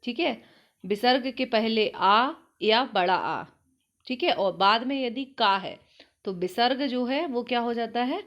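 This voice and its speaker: A woman's voice: on the high side, takes it slowly, fairly bright tone. A woman teaching an online exam-prep lesson, working through questions and explaining them step by step with frequent check-ins. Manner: explanatory, repeats "ठीक है" often.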